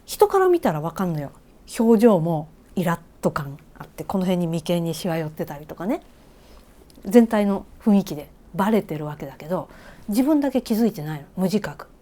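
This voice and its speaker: A woman's voice: fairly low pitch, big pitch swings, a little fast. Chatty woman teacher with a Kansai lilt. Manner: chatty, asks the listener questions, drops into soft whispered asides. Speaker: reiki teacher. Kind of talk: casual spoken lesson to viewers.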